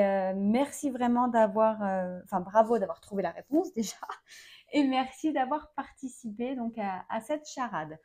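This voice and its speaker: A woman in her thirties, a mother of four, hosting a casual vlog and speaking to camera in a slow, measured way with frequent hesitations. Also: fairly high pitch, darkish tone.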